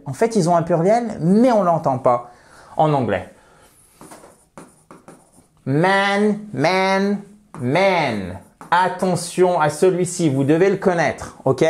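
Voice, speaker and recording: A French-speaking man teaching an English grammar lesson, slowly and emphatically repeating example words with playful asides. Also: on the high side, a little mellow. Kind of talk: lesson explaining grammar and pronunciation.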